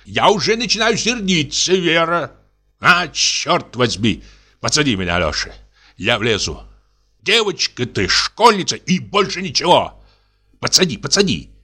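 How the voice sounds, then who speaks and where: A man's voice: on the high side, big pitch swings, unhurried, pushed and bright, slightly rough, voice pushed up, exaggerated voice. A man voicing a flustered, tipsy husband. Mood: pleading, irritated. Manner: wheedling, then cursing and exasperated. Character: tipsy, exhausted middle-aged husband, fussy and pleading.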